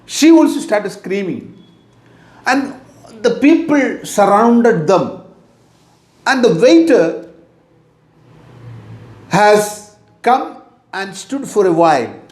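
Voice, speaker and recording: A middle-aged man with an Indian English accent delivers a motivational talk in a very high, lively voice. He speaks slowly and deliberately and repeats his key points. The sound is echoey, as if in a bare room. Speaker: motivational teacher.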